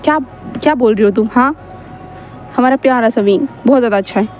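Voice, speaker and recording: A woman's voice: a little high, fast talker, soft background music, lightly acted. A woman voicing a doting middle-aged mother who fusses with affectionate scolding. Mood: fussing.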